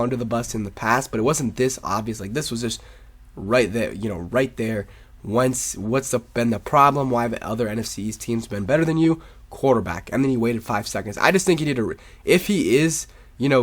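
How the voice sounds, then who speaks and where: A man with a congested, sore-throated sick voice gives casual, opinionated sports commentary as a video host in an informal, rambling way. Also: medium pitch.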